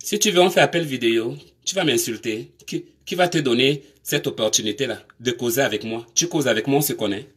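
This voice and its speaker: A woman's voice: rumbling low, brisk, hardly any pauses. A woman, scolding her commenters during a live stream with confrontational rhetorical questions.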